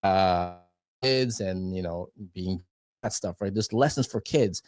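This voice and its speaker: A man's voice: low voice, slow pace, darkish tone. A young man chatting casually on a podcast, rambling and tagging his points with "right?". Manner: rambling, tags lines with "right?" and swears casually.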